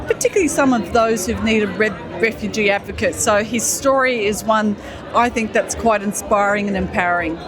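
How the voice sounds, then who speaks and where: A woman speaking as a government minister at an event, upbeat with frequent hesitant pauses. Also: medium pitch. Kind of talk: event interview. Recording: event with music and crowd chatter.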